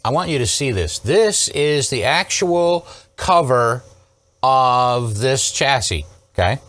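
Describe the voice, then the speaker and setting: The host of an electronics repair series walks through a hands-on troubleshooting demo, talking casually and emphatically, asking rhetorical questions and checking in often. He takes it slowly in a mid-range, slightly bright voice with lively intonation, and the audio has no echo.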